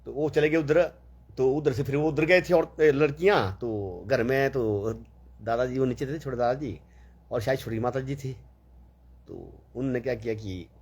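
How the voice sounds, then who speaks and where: A man's voice: mid-range voice, slightly rough. A man telling a long, rambling story in a casual, chatty way, full of fillers and quoted dialogue.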